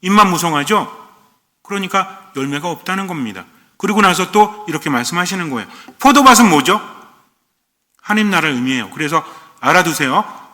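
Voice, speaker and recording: Male priest, sermon, bright forceful tone, rather high pitch, long hall reverb. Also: animated, a little fast. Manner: asks the congregation questions and answers them himself; acts out short quoted lines.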